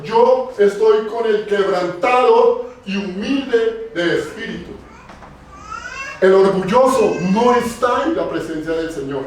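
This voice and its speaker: High-voiced preaching man in an echoey church. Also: far from the mic. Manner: preaching, asking the congregation questions and repeating key phrases. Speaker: pastor. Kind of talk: sermon.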